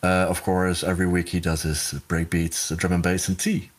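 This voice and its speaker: A man's voice: deep voice, little pitch movement, moderate pace. A man hosting a podcast in casual chat, talking in a rambling way with restarts and laughter. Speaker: podcast host.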